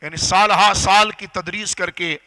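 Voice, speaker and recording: A man preaching a religious lecture to a gathering, teaching step by step, asking the audience questions and slowing down on key phrases. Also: sits high, fairly even intonation, pushed and bright, rough recording. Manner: didactic, rhetorical questions to audience. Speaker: Islamic scholar and preacher. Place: gathering hall.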